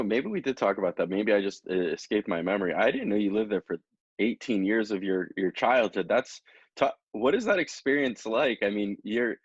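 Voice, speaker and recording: A male podcast host with a deep voice asks eager, friendly questions in halting, restarting phrases. The sound is dry and close, with the dull tone of video call audio. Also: slightly rough, no echo. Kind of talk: casual interview. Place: parents' house.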